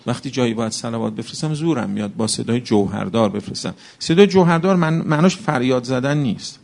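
A man's voice: medium pitch, expressive, vocal fry, darkish tone. A man preaching a religious sermon, speaking with passion and firing off rhetorical questions to the congregation.

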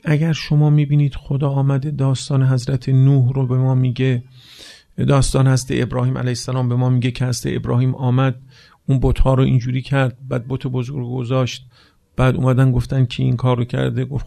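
A man preaching a religious sermon, retelling a story and explaining it, often putting rhetorical questions to his listeners and dropping to a hushed, slow voice for solemn parts. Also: mid-range voice, completely flat delivery, vocal fry.

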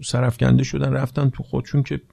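A man preaching a religious sermon, retelling a story and explaining it, often putting rhetorical questions to his listeners and dropping to a hushed, slow voice for solemn parts. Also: medium pitch, level tone, vocal fry.

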